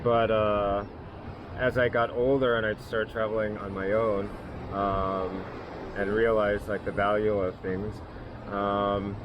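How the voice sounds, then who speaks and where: A middle-aged man from the USA talking as a guest in a casual discussion, hesitant with many pauses and restarts. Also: on the low side, little pitch movement, muffled recording. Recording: outdoor traffic noise.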